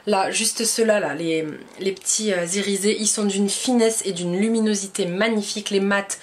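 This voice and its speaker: A woman's voice: medium pitch, steady tone, moderate pace. Chatty young French woman vlogger. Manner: chatty and enthusiastic, many fillers. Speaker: beauty vlogger. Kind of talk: casual haul chat to camera.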